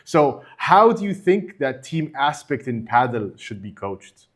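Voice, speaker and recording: A man's voice: medium pitch, big pitch swings, measured pace. A man hosting a podcast, putting loose, filler-heavy questions to a guest in a casual interview. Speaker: podcast host.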